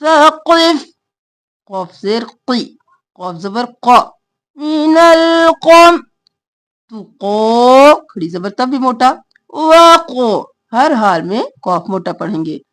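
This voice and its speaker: A woman teaching Quran recitation with tajweed, slowly drawing out each recited word and then explaining the rules in quick spoken asides. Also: mid-range voice.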